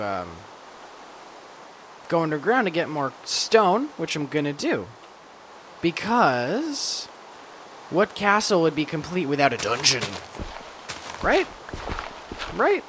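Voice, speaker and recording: A playful host talking through a game session, with a voice that swoops from low mutters up to high squeals. The talk is chatty and unscripted, full of joking asides to themself. A faint hiss sits under the voice. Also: fairly bright tone. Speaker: let's play host. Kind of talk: casual gameplay commentary.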